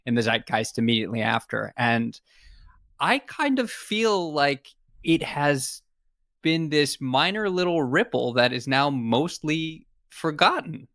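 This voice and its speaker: A man's voice: fairly high pitch, animated, unhurried, fairly bright tone, dry recording, clean studio sound. A man hosting a podcast, chatty and storytelling, often hesitating and restarting his phrases. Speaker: podcast host. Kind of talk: podcast conversation.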